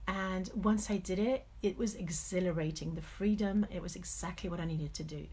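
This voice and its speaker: A middle-aged motivational coach from France hosts a live stream in English with a French accent, sharing personal stories in a candid, reflective talk. Her husky voice is fairly low and a little mellow, at a moderate pace, and she often corrects herself.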